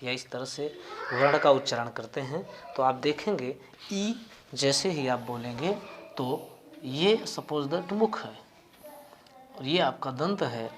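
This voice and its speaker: A man teaching a grammar lesson, explaining slowly and deliberately and spelling out individual sounds one by one. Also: medium pitch, lively intonation, noisy background. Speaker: Sanskrit teacher.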